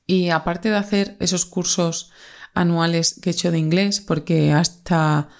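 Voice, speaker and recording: A young woman with a Spain Spanish accent chats through a relaxed solo podcast episode. Her voice sits a little low for a woman, and she keeps circling back with fillers and quick restarts as she talks things over. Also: creaky. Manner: chatty, many fillers and self-corrections. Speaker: podcast host. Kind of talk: casual solo podcast monologue.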